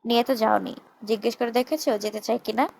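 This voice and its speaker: Dry scolding young wife, matter of fact, slightly gravelly, woman reading. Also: on the high side, fast talker, a little mellow, a little hiss or hum, low-quality recording.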